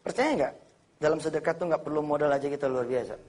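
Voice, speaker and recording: A man in his forties preaching a lively sermon to a live audience in casual speech, joking and acting out quotes. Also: fairly high pitch, fast. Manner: animated, jokey, mixes in slang and acted quotes.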